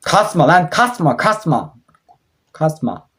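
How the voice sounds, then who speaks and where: A man's voice: a little high, big pitch swings, slow pace, a bit bright. A young man commentating his own mobile football match, frustrated and swearing at his players. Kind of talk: live gameplay commentary.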